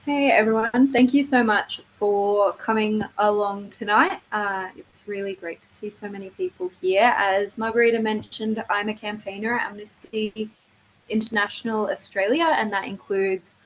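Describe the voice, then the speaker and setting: A woman speaking as a campaigner, giving an earnest, measured and informal presentation on an online call. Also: medium pitch, steady tone, low-quality recording. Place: online video webinar. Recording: noticeable faint background noise, online call.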